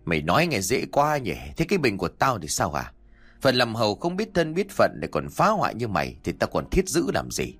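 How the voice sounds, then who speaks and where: A man's voice: fairly low pitch, wildly swooping pitch, fairly quick, fairly bright tone, husky, faint music behind, full character voice. A man voicing a greedy, hot-tempered old landlord who barks threats and orders. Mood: furious. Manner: barking, threatening.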